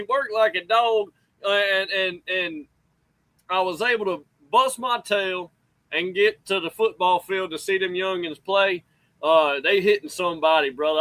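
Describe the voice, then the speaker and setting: A man with a Southern US accent hosting a sports show in casual, folksy talk, excitable and rambling. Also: sits high, no echo, rough recording.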